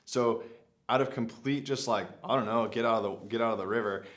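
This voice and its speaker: A young adventure vlogger with a mid-range voice talks fairly quickly, casually telling a story to camera. He is animated, leans on lots of "like" fillers, and acts out his own past lines in quotes.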